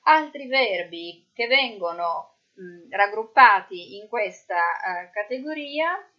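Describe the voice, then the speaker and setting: In this recorded grammar lesson, an Italian-accented woman with an expressive, medium-pitched voice works through English verb forms one by one, slowly and methodically. The high frequencies are cut off.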